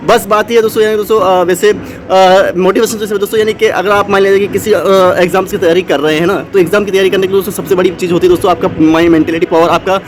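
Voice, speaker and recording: Man, high voice, rapid, rambling motivational talk, full of fillers and restarts. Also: fairly even intonation, a little hiss or hum. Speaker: motivational channel host.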